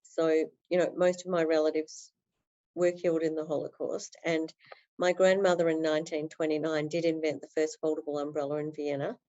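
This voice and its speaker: Woman, podcast guest, deep mellow voice, earnest flowing talk. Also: level tone, fairly quick, dull audio. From Australia. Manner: earnest, flowing, with many fillers. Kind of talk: interview conversation.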